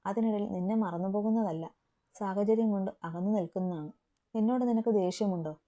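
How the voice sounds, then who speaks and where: Woman doing an intense brooding young guy, stern, dark mellow voice, love story. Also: medium pitch, brisk, lightly acted. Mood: tender. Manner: stern then tender.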